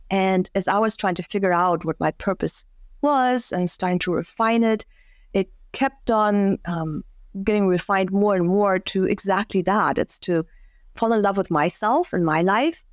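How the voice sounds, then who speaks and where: A woman's voice: mid-range voice, no echo. Reflective woman coach, dry sound. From Germany. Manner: reflective, frequent restarts and fillers. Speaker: career and life coach. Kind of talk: podcast interview guest.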